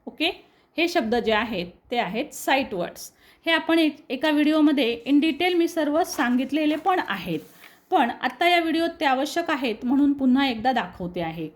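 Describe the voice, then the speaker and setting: A woman with a Marathi accent, teaching English reading to students and slowly repeating each word for them. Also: sits high, expressive. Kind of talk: explaining a lesson on screen.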